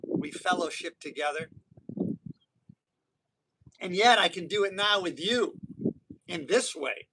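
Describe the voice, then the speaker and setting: A man in his sixties with a high-pitched, expressive voice speaks slowly and pauses often, with background noise around him. He's live-streaming outdoors on an island, rambling casually and motivationally with many restarts, recorded on a phone or camera.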